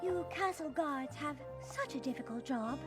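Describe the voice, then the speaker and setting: A woman's voice: high voice, animated, moderate pace, loud music behind the voice. An actress voicing a fashionable, theatrical young female pony who plays detective and narrates the story. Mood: persuasive. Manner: theatrical, refined, gushing over fabrics. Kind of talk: cartoon voice acting with narration.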